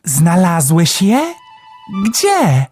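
A man voicing a cheerful, excitable young male sparrow in a children's storybook reading, with a chirpy, eager manner. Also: a little high, slow pace, faint music behind, pitched above the performer's own voice. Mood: curious.

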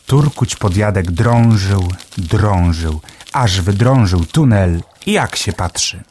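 A man narrating a children's tale in a low, unhurried voice. His intonation rises and falls expressively. A faint hiss sits under the reading. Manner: gentle, expressive storytelling.

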